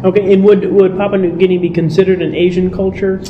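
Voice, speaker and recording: A man with an American accent asking conversational interview questions in a halting, tentative way. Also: high voice, little pitch movement. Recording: echoey room, dull sound, faint noise.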